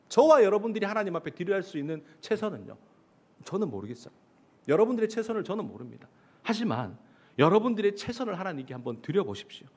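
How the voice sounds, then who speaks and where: A man preaching a sermon in church as pastor, asking the congregation questions and answering them himself, sometimes acting out quoted lines. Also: sits high. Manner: acts out quoted lines in mocking voices.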